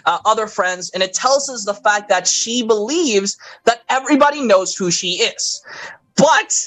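Male podcast host, brilliant tone, animated casual recap with put-on character quotes. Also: high voice, normal speed, poor audio. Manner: animated, acts out characters' lines in quoted voices; frequent fillers and laughter. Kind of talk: casual chat recapping a cartoon movie.

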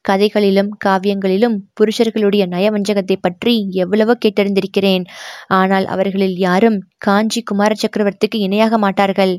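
A woman's voice: mid-range voice, flat delivery, moderate pace, a little mellow, no room sound, studio quality, natural voice. A woman voicing a proud, bitter young dancer. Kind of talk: audiobook narration of a historical novel.

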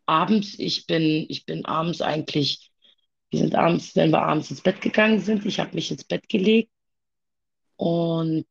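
A woman talking haltingly about her own past in a personal conversation, with many pauses and fillers. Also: lowish voice, gravelly, breathy edge, highs cut off.

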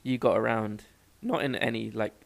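This Londoner in his 20s speaks at a moderate pace with a fairly low, steady voice and vocal fry. Co-hosting a podcast, he chats casually, jokes, rambles, and stops himself partway through sentences.

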